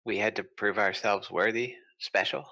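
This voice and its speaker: A man's voice: on the low side, fairly even intonation, normal speed, gravelly, bright, forceful tone. A man voicing a simple-minded, blunt goblin in tabletop role-play, speaking in broken, simple phrases. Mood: puzzled.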